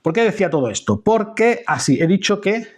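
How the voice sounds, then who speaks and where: A middle-aged man from the coast talks through his subject in a loose, rambling monologue. His voice is slightly husky and his pitch leaps around in a lively way. He keeps checking in with tag questions as he goes. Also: fairly quick. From Spain, Catalan-speaking Levante. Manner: digressive, chatty, many fillers and tag questions. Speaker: video host. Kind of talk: casual explanatory monologue.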